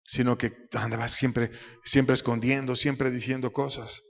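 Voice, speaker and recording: A pastor preaching a sermon, swinging between loud emphatic bursts and quiet low asides, sometimes acting out voices. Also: male voice, level tone, a little slow, gravelly. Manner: acts out quoted voices in his preaching. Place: church. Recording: echoey church hall, dull lo-fi sound.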